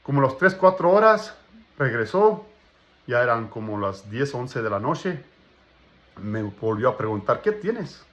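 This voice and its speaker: Animated man telling his testimony. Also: mid-range voice, measured pace. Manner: emotional storytelling, acts out dialogue. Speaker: believer giving testimony. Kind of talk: personal religious testimony. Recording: dull lo-fi recording.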